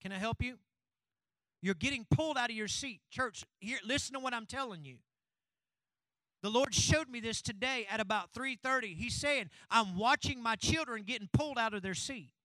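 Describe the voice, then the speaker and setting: A man preaches to his church in a strikingly high, sharp voice. He keeps asking the room questions and drives his points home until he is shouting fervently. The sound is close and dry. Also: normal speed, no room sound, poor audio. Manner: call-and-response preaching, building to fervent shouting. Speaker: pastor. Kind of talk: sermon. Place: church sanctuary.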